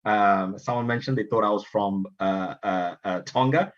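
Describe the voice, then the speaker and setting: A deep, husky man from Zimbabwe opens an online summit with a welcome address as the event host, speaking at normal speed. He is earnest and emphatic, with fillers and restarts. The virtual conference stream sounds somewhat dull and lo-fi.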